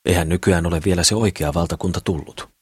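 A man's voice: low-pitched, steady tone, darkish tone, husky, dry recording, studio quality. A man reading the lines of a naive, idealistic poor man in an audiobook, in an eager, rambling way. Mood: earnest.

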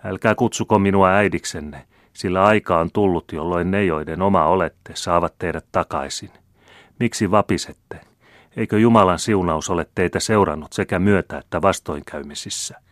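A man's voice: sits low, no room sound, studio quality, lightly acted. A man reading aloud the lines of a devout old woman, speaking solemnly and fervently as if preaching.

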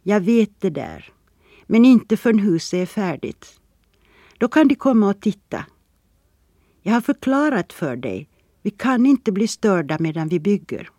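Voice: medium pitch, big pitch swings, warm tone, no room sound, studio quality. A reader voicing a firm, patient man.

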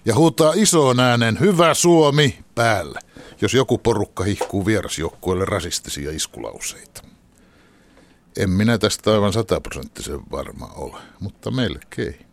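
A middle-aged man reading a measured, reflective radio commentary with a wry edge, then closing the show as its host. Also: on the low side, expressive.

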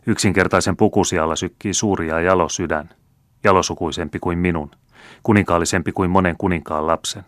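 A man's voice: low voice, steady tone, no room sound, clean studio sound, natural voice. A man reading the lines of a remorseful noble count in an audiobook, in an earnest, heartfelt way. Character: noble middle-aged male count, remorseful.

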